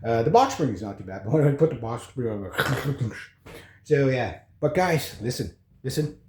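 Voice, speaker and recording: A man chatting casually and haltingly as he gives a rambling, informal house-tour vlog. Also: medium pitch, lively intonation, darkish tone, slight background noise. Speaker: vlogger. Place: indoors in an old house room. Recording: echoey bare room.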